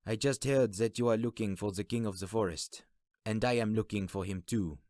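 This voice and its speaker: A man voicing an enigmatic male wood elf druid with a smooth French accent. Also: lowish voice, moderate pace, a little mellow, no echo, clean studio sound, natural voice. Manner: enigmatic, terse.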